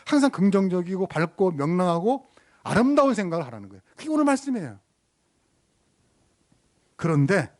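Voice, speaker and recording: A man's voice: a little high, darkish tone. A middle-aged man, a pastor preaching a sermon in a conversational way. He asks the congregation questions, tells personal stories, and repeats phrases for emphasis.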